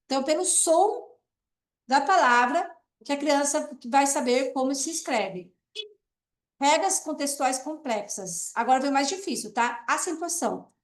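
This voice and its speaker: A woman lecturing as a teacher, her voice high and bright above the usual. She explains step by step, often pausing to check that her listeners follow. The sound is roomy, with a clear echo around her. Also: animated. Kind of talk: online class lecture.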